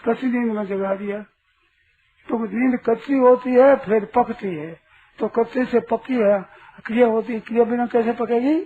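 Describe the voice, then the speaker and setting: High-voiced man preaching on a tinny recording. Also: fairly even intonation, normal speed. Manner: asks rhetorical questions and sternly corrects a questioner. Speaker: spiritual teacher. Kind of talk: spiritual discourse to an audience. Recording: tinny lo-fi recording with faint hiss.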